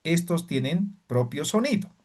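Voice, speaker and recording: A man's voice: a little high, big pitch swings, unhurried, a little mellow. A man teaching a language lesson, patiently repeating sounds and checking in with his students. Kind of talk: classroom lesson.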